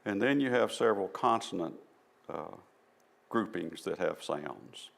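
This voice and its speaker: A man with a Southern US accent talks a church group through a topic in an informal, folksy way. His voice sits low and carries a heavy gravelly fry, and he explains step by step with a self-deprecating touch. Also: lively intonation, measured pace. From American South. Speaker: presenter at a church. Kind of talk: informal presentation on language. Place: church hall.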